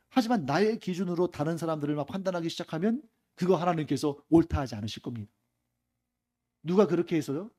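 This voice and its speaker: A man preaching a Sunday afternoon sermon in a church. His voice is mellow and warm, sitting slightly high for a man, and he keeps it conversational, often asking the congregation questions and then answering them himself. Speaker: pastor. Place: church sanctuary.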